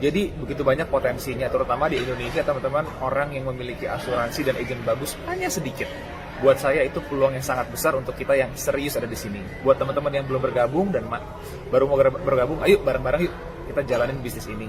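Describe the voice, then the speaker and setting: A man's voice: medium pitch, quick pace, over music, poor audio. A man giving an earnest, encouraging recruiting testimonial. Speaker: insurance agent.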